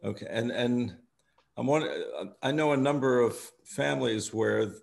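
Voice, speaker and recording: A man's voice: mid-range voice, normal speed, vocal fry. A man politely asking careful questions during a patient video call.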